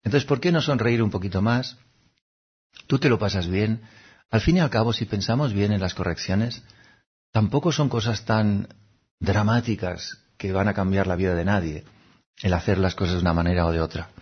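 A man giving a gentle, unhurried reflective talk, now and then slipping into little voices to act out examples. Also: fairly low pitch, slightly rough. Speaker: speaker giving a talk on habits. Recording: dull, lo-fi recording.

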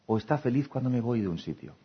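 A man giving a gentle talk as a meditation teacher, then guiding a meditation. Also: medium pitch, animated, quick pace, breathy edge, dull audio. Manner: gentle, acts out everyday voices with laughter.

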